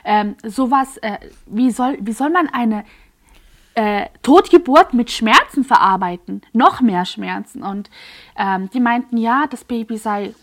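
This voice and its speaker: A woman guest on a podcast telling a personal story in an earnest, emotionally charged way, halting with fillers and restarts. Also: on the high side.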